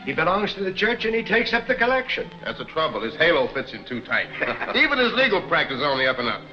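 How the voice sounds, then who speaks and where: An actor playing a wisecracking, slangy newspaper reporter in a 1940s film serial. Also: male voice, on the high side, big pitch swings, fast. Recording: dull 1940s film soundtrack.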